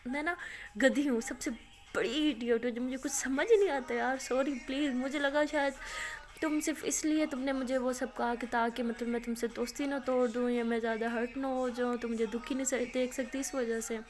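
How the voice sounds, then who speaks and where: A fretful young college girl, apologetic and pleading, as a woman storyteller puts her on. The voice sits a bit high, with no real disguise. She rushes through her sorries. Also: fairly even intonation, close to an everyday voice.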